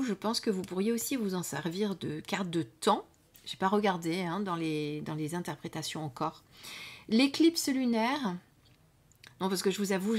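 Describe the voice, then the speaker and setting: A woman presenting an oracle deck in a casual review at home. Her voice sits in a middle pitch and is gentle and unhurried, with many small fillers. Lines often trail off to a near whisper. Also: breathy edge. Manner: unhurried, with frequent "hein" and "euh" fillers. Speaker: card reading channel host. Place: indoors at home under studio lights.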